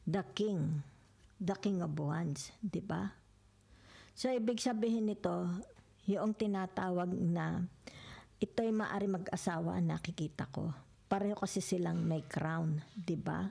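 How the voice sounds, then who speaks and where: A woman's voice: lowish voice, a little slow, gravelly, warm tone. A woman giving a casual tarot reading, mixing English into her talk, often asking "di ba?" and sometimes slipping into a whisper. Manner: chatty, mixes English into Tagalog, keeps checking "di ba?"; drops into whispers at times. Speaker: tarot reader.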